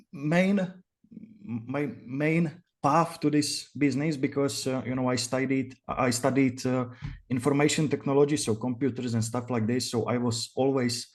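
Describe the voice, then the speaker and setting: A man in his twenties from the Czech Republic with a Czech accent, giving casual interview answers in a halting, hesitant way. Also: mid-range voice, darkish tone. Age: 20s. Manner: hesitant, halting delivery full of pauses. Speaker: interview guest, virtual cam studio owner.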